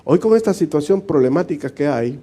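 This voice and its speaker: A Salvadoran-accented pastor from El Salvador speaks a little fast in a fairly high, animated, warm and husky voice. His Bible study is a casual, conversational sermon where he jokes in plain speech, chuckles often and acts out short dialogues.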